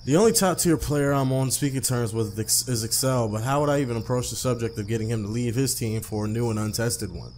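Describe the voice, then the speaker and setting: With slight background noise, a man hosting a let's play reads a visual novel a little fast and with few pauses, his medium-pitched voice a bit mellow. He's conversational, dropping casual asides and stumbling into rereads.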